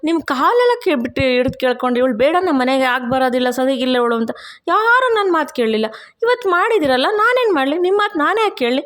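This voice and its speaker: A woman voicing an aggrieved middle-aged mother-in-law who wails her complaints loudly. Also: high-pitched, sing-song, quick pace, pitched above the performer's own voice. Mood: shrill complaint.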